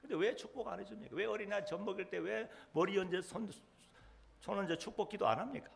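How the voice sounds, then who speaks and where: A man's voice: sits high, quick pace, gravelly. A man preaching a Sunday sermon as pastor, often asking the congregation questions, older in years.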